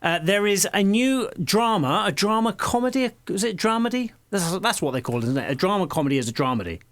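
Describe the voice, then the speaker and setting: A man's voice: high-pitched, lively intonation, a little fast, dry recording. A man co-hosting a film podcast and interviewing actors, chatty and enthusiastic. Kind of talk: casual interview.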